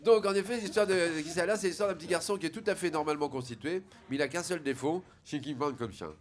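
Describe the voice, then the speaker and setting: Fast-talking comic man. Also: a little high, crowd noise. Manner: animated, doing voices in jokes. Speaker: joke-telling guest. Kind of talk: comic storytelling chat.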